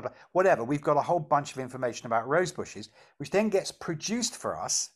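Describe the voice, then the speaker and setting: A man, teaching and explaining a meditation exercise in an animated way, laughing at his own examples. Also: fairly high pitch.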